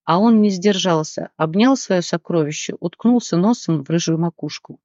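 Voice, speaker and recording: An audiobook narrator reading a romantic fantasy in an even, measured way. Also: mid-range voice, no room sound. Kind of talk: scripted narration. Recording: dull dry close recording.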